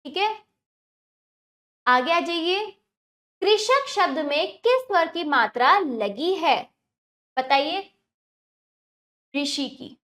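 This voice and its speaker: High-voiced woman teaching young children. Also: expressive, bright, forceful tone. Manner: patient, asks pupils questions then answers them; slows down and stresses each word when spelling examples. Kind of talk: Hindi grammar lesson for children.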